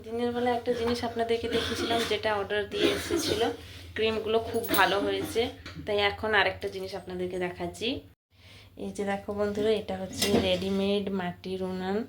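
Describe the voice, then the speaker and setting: A woman's voice: mid-range voice, little pitch movement, brisk, heavy background noise. A woman chatting casually to her viewers as she films a home vlog on a phone camera. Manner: chatty, friendly, often addresses viewers as friends. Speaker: home vlogger.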